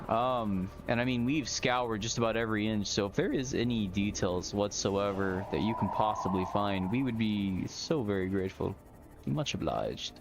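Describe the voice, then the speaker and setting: A man giving casual, chatty gameplay commentary, explaining things in colloquial language as he plays. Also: lowish voice. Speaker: gamer hosting a modded survival game stream.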